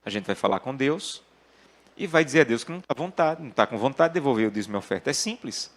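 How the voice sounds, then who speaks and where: A man's voice: mid-range voice, animated, fast. Earnest preacher man. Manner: earnest preaching with personal anecdotes. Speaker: pastor. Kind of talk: sermon.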